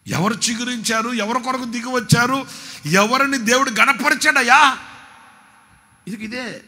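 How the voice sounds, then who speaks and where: A man preaching at a whole-night prayer service, shouting to the congregation, then dropping low to tell joking stories. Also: unhurried. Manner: shouting, urging the crowd to clap and say amen; drops to a low, joking storytelling tone. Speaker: pastor.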